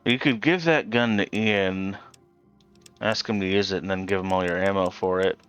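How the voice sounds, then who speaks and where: Soft music plays behind a low-pitched, fairly bright, smooth voice moving at a moderate pace. This co-host, tired from an early start, casually coaches a friend through a game during a let's play, patient yet full of ums and hesitation.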